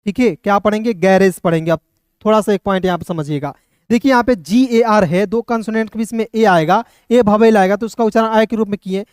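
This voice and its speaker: A man's voice: high-pitched, clean tone, no echo, clean studio sound. A man teaching English spelling in a Hindi phonics lesson, spelling words letter by letter and often asking his friends if they follow. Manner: repeats "doston" and checks understanding often; slow, spelled-out letter-by-letter explanation.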